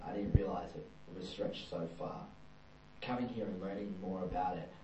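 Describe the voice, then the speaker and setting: With a low, mellow voice, a young Australian man from New South Wales reflects on his personal experience in an interview; he studies performing arts. The sound is distant and dull, in a roomy space with a faint hum underneath.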